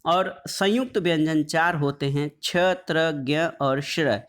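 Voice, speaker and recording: A man teaching an exam-prep lesson on Hindi phonetics, reading quiz questions and then explaining the answers, drawing out letter sounds slowly as he lists them. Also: on the high side, a bit bright. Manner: draws out sounds slowly when listing letters; calls the audience "friends".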